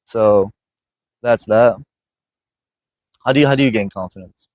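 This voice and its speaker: A man's voice: lowish voice, measured pace, a little mellow, dry recording. Earnest man, motivational podcast host. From Iraq. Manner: earnest, repeats "you know what I mean". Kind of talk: casual motivational conversation. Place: gym.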